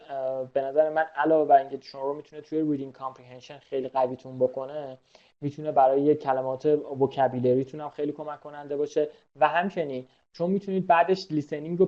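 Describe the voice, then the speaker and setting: Guy teaching ielts prep online, chatty with lots of uh's, slightly high voice, muffled lo-fi sound. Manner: chatty, many fillers and English terms. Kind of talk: casual webinar lecture.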